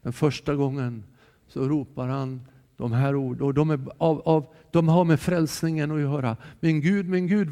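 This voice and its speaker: A man giving a sermon in a church, earnest and calm, sometimes dropping soft and sometimes raising his voice. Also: fairly high pitch. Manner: calm, earnest, shifting between soft and raised voice. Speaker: preacher. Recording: long hall reverb from a church.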